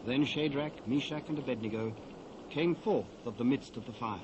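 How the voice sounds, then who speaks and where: A man with a British accent narrating scripture in a measured, solemn, formal and dramatic way. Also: mid-range voice, dull audio. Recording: faint hiss, old cassette transfer.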